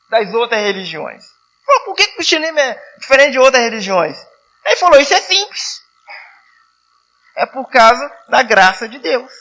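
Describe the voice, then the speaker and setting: Bright-voiced missionary man preaching. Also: very high voice. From southern Rio de Janeiro state, Brazil. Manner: conversational, repeats and restarts, asks the congregation "né?". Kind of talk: sermon. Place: church hall.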